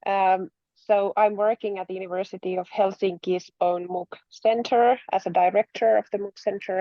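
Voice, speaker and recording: Woman director, brisk introduction; low gravelly voice; muffled, dry call audio. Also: no echo. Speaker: MOOC center director. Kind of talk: self-introduction on a video call. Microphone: video call.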